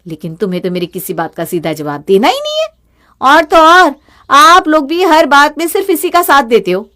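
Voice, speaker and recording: A woman voicing an overworked, resentful young daughter-in-law in an animated story, speaking sharply and sarcastically. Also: fairly low pitch, quick pace, pitched below the performer's own voice.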